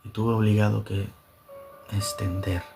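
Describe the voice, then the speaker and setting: A man's voice: lowish voice, flat delivery, measured pace, creaky, over music. A man preaching a sermon as pastor, fervent and repeating phrases for emphasis.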